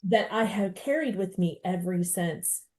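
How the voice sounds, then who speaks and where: A middle-aged woman hosting a conversational interview, animated and quick, with frequent restarts. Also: mid-range voice. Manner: animated, fast-talking with restarts. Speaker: podcast host.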